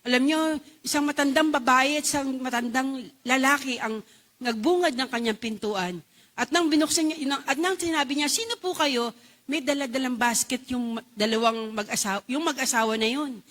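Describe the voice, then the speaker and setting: A woman preaching a sermon, animated, often calling out to the congregation for assent. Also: sits high, normal speed.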